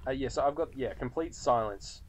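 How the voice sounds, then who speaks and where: A man in casual podcast conversation, relaxed and loose in his phrasing. His speech is full of "like" fillers, and he laughs easily. He has a medium pitch and talks into a podcast microphone. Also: brisk, a little hiss or hum, poor audio. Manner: laid-back, lots of filler "like", laughs often. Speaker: podcast co-host. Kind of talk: casual film discussion.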